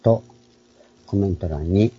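A man giving an online Bible lecture, explaining at an unhurried pace and clearing his throat often. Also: deep voice, dark tone, dull audio. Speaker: Bible teacher.

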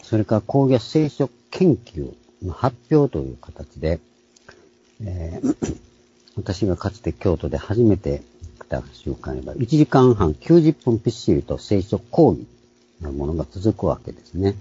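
Husky, very dark-voiced man teaching Bible lessons. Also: sits low, very animated, lo-fi sound. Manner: unhurried explaining, frequent throat clearing. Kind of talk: online Bible lecture.

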